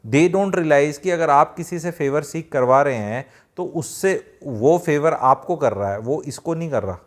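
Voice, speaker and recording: A man's voice: fairly high pitch, expressive, measured pace. Male self-help speaker, direct and plain-spoken, talking to camera like to friends. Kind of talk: advice talk to viewers.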